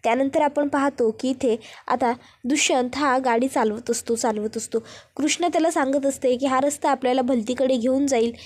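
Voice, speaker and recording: A woman narrating a serial episode recap as a lively story. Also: sits high, moderate pace.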